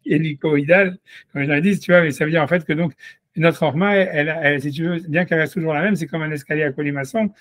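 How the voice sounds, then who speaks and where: A man teaches a casual Torah class, his voice pitched a little high. He circles his points with constant fillers and false starts. The sound is close and dry, with no room echo. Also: steady tone, quick pace. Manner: rambling, many fillers and restarts, tutoyant the listener. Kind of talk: informal Torah lesson.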